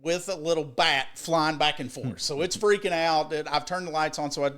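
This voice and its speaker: A man co-hosting a podcast, telling a rambling, profane story in an animated way with many restarts. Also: a little high, moderate pace. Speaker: podcast co-host. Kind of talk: casual storytelling.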